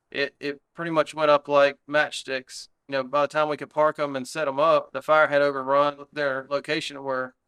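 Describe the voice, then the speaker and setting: A man's voice: a little high, a bit bright, clear, resonant tone. An American man, a fire battalion chief, recounting an incident in a plain-spoken, conversational interview style. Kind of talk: interview recollection.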